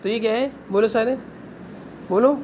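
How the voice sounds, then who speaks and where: Very high-voiced stern male teacher. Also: darkish tone, slight background noise. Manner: stern, drills class to answer in chorus. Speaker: madrasa teacher. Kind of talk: classroom lecture to children. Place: madrasa classroom.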